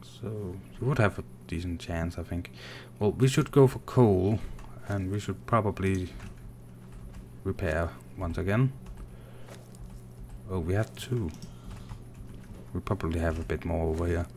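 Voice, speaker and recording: A Danish gaming streamer with a low voice speaks slowly and softly, muttering to himself as he plays and responding to viewers' chat. Faint game sounds and a little background noise sit behind his unhurried live commentary.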